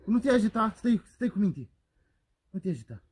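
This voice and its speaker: A man in an amateur comedy sketch, loudly bossing someone around and often bursting into laughter, outdoors in a rural yard. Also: high voice, very animated, noisy background. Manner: loud, bossy, laughing.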